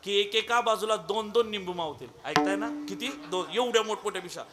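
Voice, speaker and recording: A man's voice: high-pitched, a little fast. A man preaching a devotional kirtan sermon, telling a comic story and calling on listeners by name. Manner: humorous, animated, addresses listeners by name.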